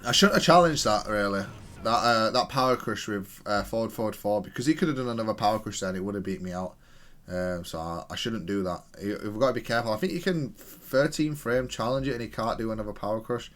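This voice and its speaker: A lowish, fairly bright voice moves at a quick pace as a gamer and content creator looks back over his play. The commentary is casual and analytical, and he corrects himself while thinking aloud.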